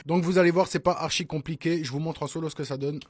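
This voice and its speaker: A man's voice: fairly high pitch, steady tone, fast, a little mellow, no echo. A man giving a casual music production tutorial, chatting to his viewers and checking in with them every few phrases. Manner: chatty, peppers speech with "hein" and "d'accord?"; addresses viewers as "les gars". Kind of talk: casual screen-recorded tutorial.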